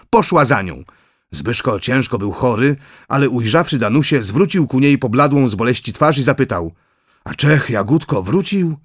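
A man's voice: mid-range voice, no room sound, clean studio sound. Man narrating an old historical novel. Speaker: audiobook narrator.

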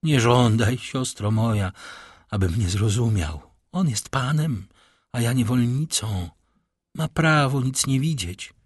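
A man voicing a tender, devoted young woman in a read-aloud novel, soft and pleading. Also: mid-range voice, big pitch swings, measured pace, slightly rough, no echo, clean studio sound. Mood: sorrowful.

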